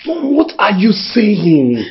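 A man's voice: sits high, huge pitch swings, slow pace, heavily acted. A man playing an insistent grown son questioning his mother. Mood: urgent. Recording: dull film audio with music.

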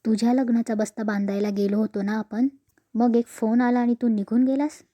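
A woman's voice: on the high side, fairly even intonation, a little fast, mellow, highs cut off, lightly acted. A woman reading the part of a stern older mother figure who scolds curtly.

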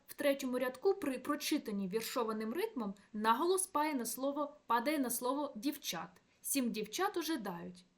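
A young adult woman giving a read academic talk, measured, reading quoted verse lines aloud with marked stresses. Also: fairly high pitch. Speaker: academic presenter.

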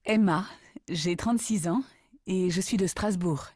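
A woman's voice: fairly low pitch, a little slow, a little mellow, no echo, studio quality. A woman in her thirties playing a French teacher who is a quiz contestant. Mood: friendly. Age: 30s.

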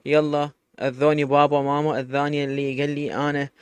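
A man's voice: on the high side, monotone, fast talker, smooth, no room sound, natural voice. A man with an Iraqi accent voicing a tearful, abandoned young pregnant wife who pleads and sobs. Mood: grieving. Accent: Iraqi Arabic. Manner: pleading, sobbing speech.

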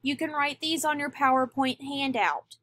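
A woman teacher giving a recorded lesson, speaking deliberately and stressing key words. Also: high voice, a bit bright, dry recording. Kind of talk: recorded classroom lecture.

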